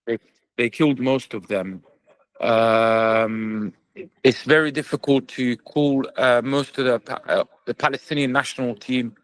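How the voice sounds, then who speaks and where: Young male fighter, guest in an interview, mid-pitched voice, speaks earnestly and stops to search for words. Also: fairly even intonation, rough recording. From England. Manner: earnest, halting with many fillers. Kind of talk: remote interview answers.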